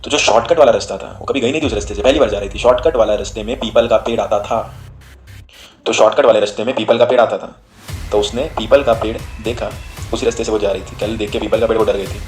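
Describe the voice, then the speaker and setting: A man's voice: on the low side, steady tone, quick pace, soft background music, poor audio. A man casually narrating a horror story, mixing in English words and playing the characters' lines himself. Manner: chatty, mixes Hindi with English words, plays the characters' lines.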